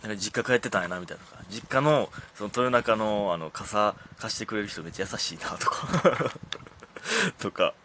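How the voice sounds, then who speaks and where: A man's voice: lowish voice, sing-song, moderate pace, bright, forceful tone, a little hiss or hum. A man with a Kansai accent, a comedian chatting casually on his own talk show, self-deprecating and laughing often at his own stories. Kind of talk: casual solo radio talk.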